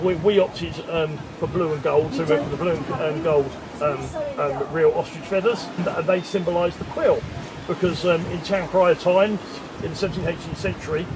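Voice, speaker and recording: A man's voice: a little high, background noise. A middle-aged man with an English accent giving an informal, hesitant interview, often repeating words as he explains. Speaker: town crier being interviewed. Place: outdoors on a seaside pier bench.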